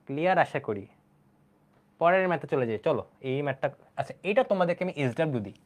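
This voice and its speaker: A young man teaching math in an online lecture, chatty and asking his students questions as he goes. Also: a little high. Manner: chatty, talks straight to students, asks them questions. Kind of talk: online exam-prep lecture.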